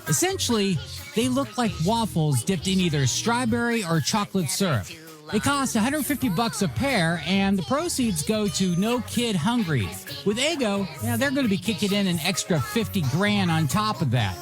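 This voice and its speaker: Over a music bed on a radio broadcast, a man hosts as DJ, introducing songs and reading light news with flashy patter. He draws out the ends of phrases and drops playful, wry asides, his voice sitting high with wide pitch swings.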